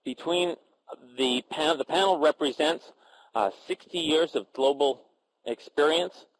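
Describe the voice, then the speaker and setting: Against a noisy background, a man with a fairly high-pitched voice moderates a professional panel discussion. He introduces guests and poses questions haltingly, full of filler sounds and restarts.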